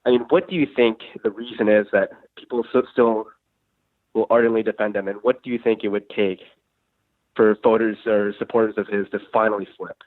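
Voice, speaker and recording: A man's voice: on the low side, fairly even intonation, brisk, dry recording. A man calling in to a radio show, asking his question in a casual, hesitant way that is full of "um" and "like". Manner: hesitant, filler-heavy phrasing with many "um" and "like". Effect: radio show caller heard over a phone line. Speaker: caller to a call-in show. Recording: tinny, dry phone line.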